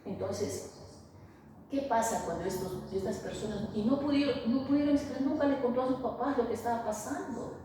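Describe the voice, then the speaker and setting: A woman's voice: a little high, a little fast. Hesitant woman therapist in echoey room. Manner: hesitant, many fillers and restarts. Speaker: family therapist. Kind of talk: interview, explaining to an interviewer. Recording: echoey room, voice far from mic, faint noise.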